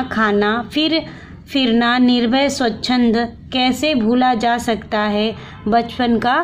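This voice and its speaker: Slow-reading woman teacher, high voice. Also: lo-fi sound, slight background noise. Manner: slow and deliberate, reading answers aloud to children. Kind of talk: textbook question-and-answer lesson.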